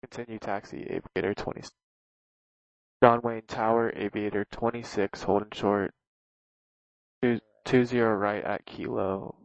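A man's voice: fairly low pitch, level tone, measured pace, pauses often, no room sound. A man speaking as a pilot over the aircraft radio, giving terse, clipped readbacks in radio phraseology. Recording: dull lo-fi radio transmission.

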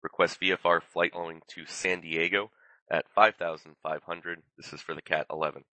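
A man's voice: low-pitched, level tone, a little fast, sharp tone, no room sound, low-quality recording. A man speaking as a pilot over a headset, making radio calls in standard aviation phraseology.

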